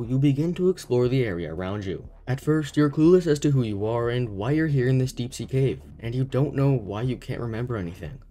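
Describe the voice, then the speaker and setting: A young man reading a scripted gaming video essay in a steady, explanatory way. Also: mid-range voice, a little hiss or hum. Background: faint background music.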